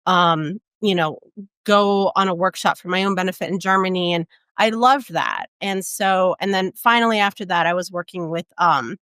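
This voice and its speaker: A woman in her forties, a travel advisor raised in Portugal, telling her career story in a relaxed interview with many "um"s and tag questions. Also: lowish voice, normal speed, clean tone, no echo. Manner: reflective, storytelling, frequent "um" and "right?". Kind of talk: conversational interview.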